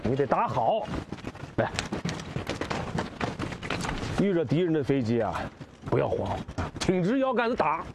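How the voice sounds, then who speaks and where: A man's voice: on the high side, very animated, normal speed, noisy background. A man playing a blunt, earthy Chinese army commander instructing his subordinates in a war drama. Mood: blunt, instructive.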